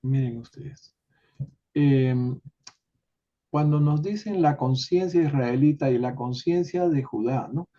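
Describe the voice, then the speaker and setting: A man leading an online study group, explaining a text in an unhurried way with many tag questions, over a video call. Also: medium pitch, dark tone. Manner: unhurried, adds filler tags and restarts. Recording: dull lo-fi call audio.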